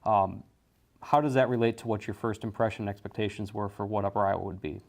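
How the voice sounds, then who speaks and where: A man's voice: fairly low pitch, steady tone, quick pace, gravelly. A man in college athletics hosting an interview in a conversational way.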